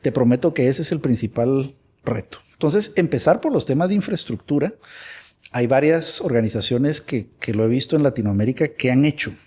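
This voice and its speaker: Interview guest: a man from Guatemala with a husky voice, animated, acting out little dialogues. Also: mid-range voice, a little fast. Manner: animated, acts out imagined dialogues. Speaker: guest expert. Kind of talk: conversational interview.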